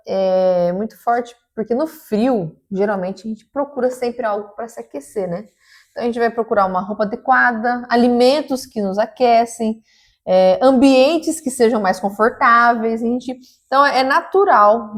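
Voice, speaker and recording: Woman co-host on a church podcast, kinda high voice, earnest and preachy, lots of restarts.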